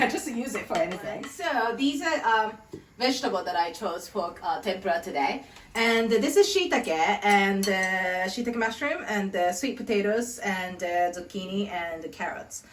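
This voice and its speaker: A woman's voice: medium pitch, animated, normal speed, slight background noise. A woman in her thirties from Tokyo with a Japanese accent, hosting a casual cooking demo in her home kitchen, chatty and rambling and laughing often. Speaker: cooking video host. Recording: echoey kitchen, mic at a distance.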